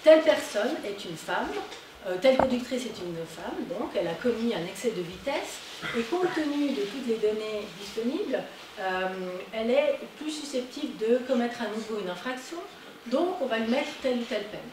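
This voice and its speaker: A woman's voice: a little high, normal speed. Woman lecturing in an echoey hall. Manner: animated, rising emphasis on key points. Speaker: conference speaker. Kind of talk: public conference talk. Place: conference hall. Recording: echoey hall, distant mic, noisy.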